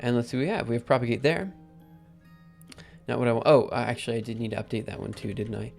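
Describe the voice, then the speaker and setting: A man hosting a live coding stream, thinking aloud in a halting, casual way with many ums. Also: medium pitch, gravelly, a little mellow, faint music behind. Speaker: livestream host.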